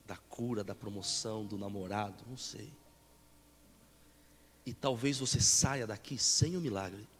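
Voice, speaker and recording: A young Brazilian pastor preaching a storytelling sermon in a mid-pitched voice. He swings from loud, emotional peaks down to hushed, soft phrases. The church hall carries a long reverb, with faint music under him. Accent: Brazilian Portuguese. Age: young adult. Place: church sanctuary.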